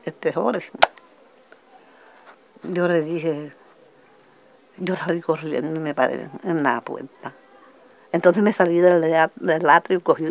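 An older woman from Colombia's Magdalena region with a Caribbean coastal accent, giving halting oral testimony and acting out quoted voices as she goes. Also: lowish voice. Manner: halting, restarting storytelling that acts out quoted voices. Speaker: interviewee, witness.

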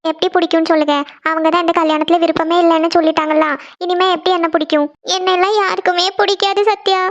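A woman voicing a heartbroken, tearful young woman who speaks haltingly in a cartoon. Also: very high-pitched, completely flat delivery, lo-fi sound. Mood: sad. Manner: halting, self-pitying. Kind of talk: cartoon voice acting.

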